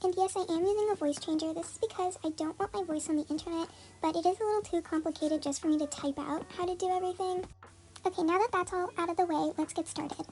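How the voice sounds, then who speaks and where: Very high voice through a voice changer. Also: fairly even intonation, fast talker, a little mellow. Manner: chatty, many "like" and "um" fillers. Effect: voice changer disguising the voice, pitched very high. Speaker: tutorial channel host. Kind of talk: casual step-by-step tutorial.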